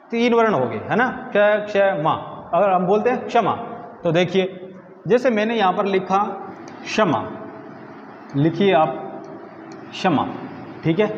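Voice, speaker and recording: Man, grammar teacher, high-pitched, repeats words slowly, roomy echo. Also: dull audio, a little hiss or hum. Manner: asks students questions and answers them himself, repeats words slowly. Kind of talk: video lesson.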